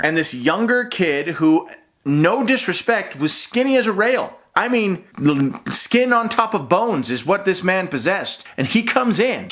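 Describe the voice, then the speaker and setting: Animated man telling a funny story. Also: on the high side. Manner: animated, acts out other people's voices, frequent restarts. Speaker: storyteller, channel host. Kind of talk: comedic personal storytelling to camera. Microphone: camera-mounted shotgun mic.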